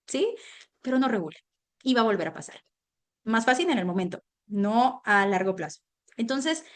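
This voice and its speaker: A woman giving a parenting lecture, talking straight to the parents and checking in with them often. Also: fairly high pitch. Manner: animated, addresses parents directly with frequent check-ins. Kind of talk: online parenting talk.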